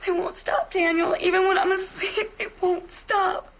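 A woman's voice: on the high side, animated, moderate pace, fairly bright tone, breathy edge, heavily acted. A woman playing a troubled, fragile wife near breaking point in a dramatic re-enactment. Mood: desperate.

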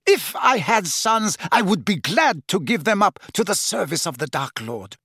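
A ruthless, fanatical woman , played by a man pushed high above his own voice and louder, harsh and mocking. A creaky rasp stays under her sneering lines. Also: very animated, moderate pace, dry recording, clean studio sound, heavily acted. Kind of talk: audiobook character voice.

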